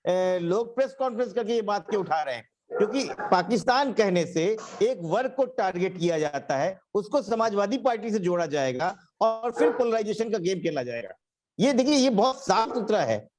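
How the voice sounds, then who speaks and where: A party spokesman arguing on a TV panel, emphatic, slowing down to read quotes word by word. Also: high-pitched, lively intonation, a crowd in the background.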